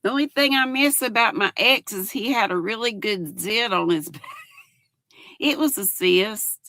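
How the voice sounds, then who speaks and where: Reading viewer comments out loud with frequent giggles, an older livestream host keeps things folksy and relaxed. She speaks at a moderate pace in a medium-pitched voice that is bright and forceful, recorded with no room sound.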